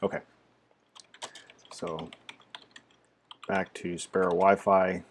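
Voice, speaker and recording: Deep-voiced man walking through a terminal setup. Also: little pitch movement, extremely slow, slight background noise. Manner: casual, many "uh" fillers, narrating each step. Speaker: tech tutorial presenter. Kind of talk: screen-recorded software walkthrough.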